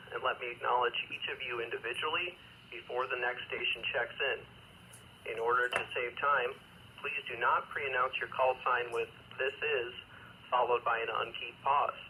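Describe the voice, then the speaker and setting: A man acting as amateur radio net controller, reading procedure in a measured, formal way over two-way radio with static. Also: mid-range voice, bright, forceful tone, rough recording. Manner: measured, formal, with hesitant asides. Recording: radio transmission with faint static noise.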